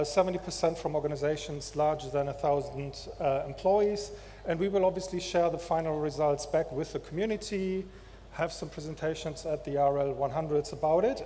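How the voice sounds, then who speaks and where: A man's voice: a little high, dark tone, a little hiss or hum. A man with a German accent giving a chatty conference talk as an industry analyst, filling gaps with ums and uhs. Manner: chatty, self-deprecating, many fillers. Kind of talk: conference presentation. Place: large conference stage. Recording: reverberant hall, faint ambience.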